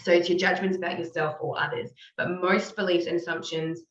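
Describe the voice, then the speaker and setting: Low-voiced woman, rambling motivational talk. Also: flat delivery, fairly quick, highs cut off, very noisy. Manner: rambling, many fillers and self-corrections. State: clearing her throat. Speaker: host. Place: call or online meeting.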